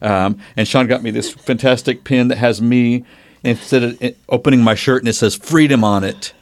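A man's voice: mid-range voice, steady tone, moderate pace, darkish tone. An older man chatting in a natural, unscripted way as a co-host, exclaiming and echoing the other person's words. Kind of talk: natural unscripted casual chat.

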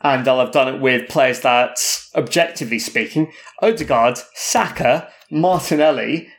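A man's voice: medium pitch, moderate pace. A man in his thirties co-hosting a casual chat, talking in an emphatic, opinionated way. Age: 30s. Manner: opinionated, emphatic, thinks aloud. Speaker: podcast co-host.

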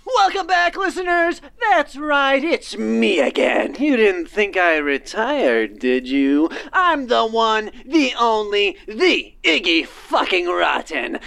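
Actress doing a brash punk girl on a pirate radio broadcast, sweary announcer hype, really animated pitch. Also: full character voice. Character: brash foul-mouthed punk woman hosting pirate radio show. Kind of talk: pirate radio broadcast, acted audio drama.

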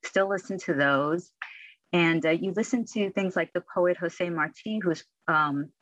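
A man's voice: high voice, measured pace, a bit bright, no room sound. A man talks as a guest in a reflective, rambling way. His recording is somewhat muffled and dry, with little room sound. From United States. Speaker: panel guest. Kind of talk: casual conversation.

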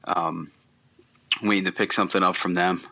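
Man, deep voice, bright edge, casual interview guest, rambling with ums. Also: moderate pace, gravelly. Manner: relaxed, rambling, many ums and restarts. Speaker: podcast guest.

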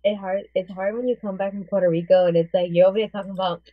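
A woman co-hosts a podcast, talking fast with medium pitch and fairly even intonation as she tells casual anecdotes in a loose, informal style. There's no room sound, but the connection is a narrow, tinny, phone-like line.

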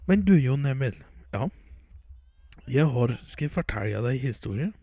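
A man's voice: mid-range voice, warm tone, no room sound, highs cut off. A man telling rambling folksy jokes in a casual comic style. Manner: rambling folksy joke-telling with filler words. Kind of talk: comic storytelling and sports commentary.

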